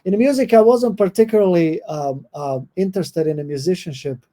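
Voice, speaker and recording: A middle-aged man from Croatia with a Croatian accent, a professor answering podcast interview questions thoughtfully, often pausing with fillers and restarting. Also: sits high, warm tone. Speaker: guest professor.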